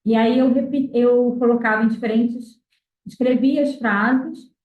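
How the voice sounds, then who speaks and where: A Brazilian woman with a slightly high voice walks through her reading method patiently, pausing on fillers as she explains. She sounds far from the mic, in an echoey room, through thin phone-like audio. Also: steady tone. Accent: Brazilian Portuguese. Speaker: mother teaching her child to read. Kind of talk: explanatory talk on literacy.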